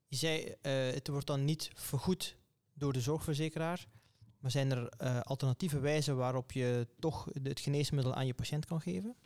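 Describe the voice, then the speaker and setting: A man's voice: mid-range voice, fairly even intonation, normal speed, darkish tone. Dutch guy asking follow-ups, bit tentative, middle voice. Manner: tentative, checking understanding. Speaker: podcast interviewer. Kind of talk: interview questions.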